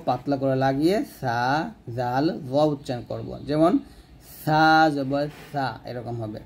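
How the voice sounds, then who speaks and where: A man teaching Quran reading step by step, asking and answering his own questions and slowing down to model each letter sound. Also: mid-range voice, mellow. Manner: repeats key terms, asks and answers own questions. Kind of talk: step-by-step lesson.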